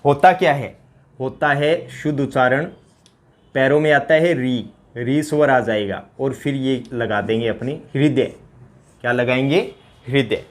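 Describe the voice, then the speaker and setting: Here a man with a medium-pitched, unhurried voice leads exam students through Hindi spelling. Question follows question, each answered by him rather than the class, with playful local-dialect asides mixed in. He quizzes his listeners through constant rhetorical questioning.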